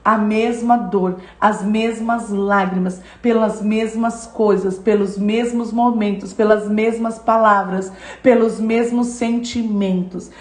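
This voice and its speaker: A woman's voice: medium pitch, darkish tone, reverberant. A woman giving a devotional sermon-lesson, speaking emphatically in repeated phrases and addressing the listener directly. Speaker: devotional teacher.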